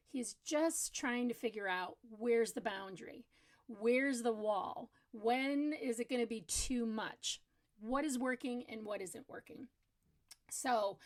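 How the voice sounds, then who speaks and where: A middle-aged woman with a slightly high voice hosts a parenting advice channel. She talks casually to the camera and explains each tip earnestly, doubling words like "really, really" for emphasis.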